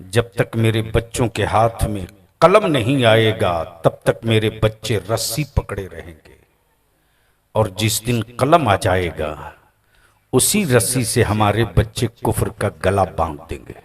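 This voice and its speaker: A man preaching a fiery religious sermon to a gathering, booming and drawn out, urging the crowd to call back. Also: lively intonation, slow pace.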